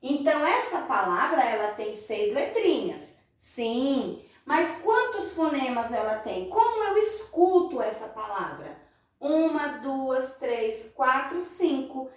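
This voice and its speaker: A Brazilian woman teaching young children in a slow, sing-song voice, recorded in an echoey room from some distance. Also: high-pitched, big pitch swings. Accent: Brazilian Portuguese. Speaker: primary school teacher. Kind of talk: recorded remote class lesson.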